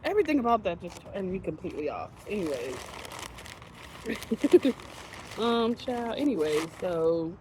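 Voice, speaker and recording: A woman talks straight to the camera between bites of food, swearing freely and laughing at her own rants. Her voice sits at an ordinary middle pitch. Faint outdoor noise hums behind her. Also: big pitch swings, unhurried, long pauses. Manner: frank, profane and laughing rant. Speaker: vlogger. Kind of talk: casual chat to camera while eating.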